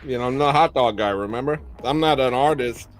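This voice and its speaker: A man's voice: mid-range voice, quick pace, soft background music. A man co-hosting a podcast, sarcastic and mock-indignant as he bickers with his partner. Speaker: podcast co-host. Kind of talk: casual banter.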